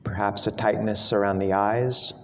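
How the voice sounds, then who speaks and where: A monk and meditation teacher guides a meditation in a low, even voice, speaking slowly and gently with long pauses between phrases. Long hall reverb and some background noise fill the recording.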